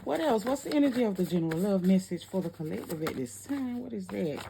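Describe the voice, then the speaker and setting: Lively woman giving a tarot reading. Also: medium pitch, fast talker, vocal fry, noisy background. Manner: animated, sassy, laughs often. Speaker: tarot reader.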